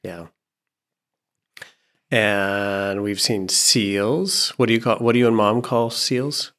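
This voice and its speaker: A man in a casual family chat, prompting his child with gentle, playful questions about shared memories. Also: on the low side, steady tone, slow. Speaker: parent talking with his child.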